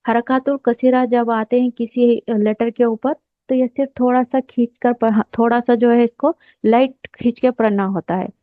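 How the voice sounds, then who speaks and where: A woman teaching a slow explanatory language lesson, patiently repeating each term while she writes it out. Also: a little high, steady tone, no echo. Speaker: Arabic teacher. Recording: dry, tinny phone-like sound.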